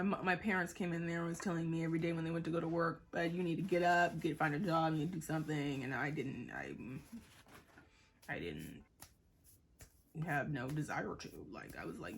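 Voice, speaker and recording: A woman's voice: on the low side, a bit bright, slight background noise. A woman in her twenties from Boston, rambling in a casual chat with many fillers and acted-out quotes. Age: 20s. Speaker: vlogger. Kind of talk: casual chat while getting ready.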